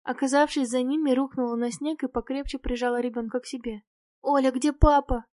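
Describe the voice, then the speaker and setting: Woman, audiobook narration, first person, fairly high voice, dry close mic. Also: fairly even intonation, fast, a little mellow, no room sound.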